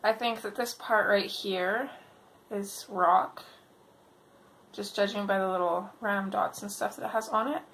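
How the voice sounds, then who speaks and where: A woman hosting a casual coloring tutorial, thinking aloud in an unhurried way, her voice slightly off from a mild sore throat. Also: medium pitch, steady tone, a bit bright, rough recording. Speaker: host of a coloring tutorial video. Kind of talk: casual tutorial chat while working. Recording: clear background noise.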